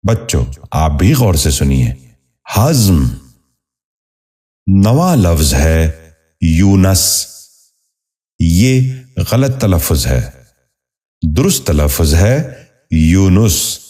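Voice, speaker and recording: A man hosting a scripted pronunciation lesson, speaking in a measured, formal way and repeating each word with care. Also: low voice, big pitch swings, mellow, husky. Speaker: host and pronunciation teacher.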